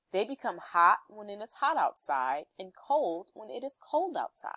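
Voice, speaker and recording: With a medium-pitched voice and no room sound, a teacher reads an informational text to her pupils. She explains the content and breaks off to ask questions checking their understanding.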